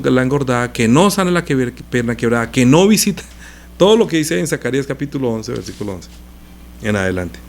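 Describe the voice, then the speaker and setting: A man preaching a conversational Bible lesson, animated and asking the congregation rhetorical questions. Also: on the high side.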